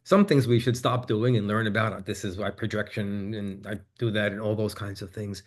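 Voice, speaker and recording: A man, a guest on an interview, telling a personal story in a candid, reflective way and growing animated as he quotes his own conversations. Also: fairly low pitch, normal speed.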